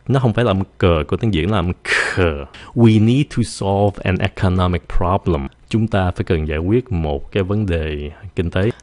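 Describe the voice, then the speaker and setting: A Vietnamese-speaking man teaching English vocabulary in a casual tone, drilling each word slowly and then explaining it quickly. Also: sits low, a little mellow, no echo.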